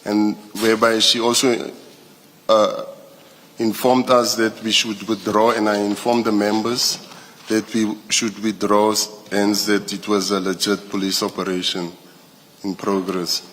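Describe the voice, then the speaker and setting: A man's voice: on the low side, level tone, measured pace, fairly bright tone, slight background noise. A man with a South African accent giving formal testimony as a police witness, hesitant, often restarting his phrases. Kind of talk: formal testimony at a commission hearing. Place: large indoor hearing room. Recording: echoey hearing room, long reverb.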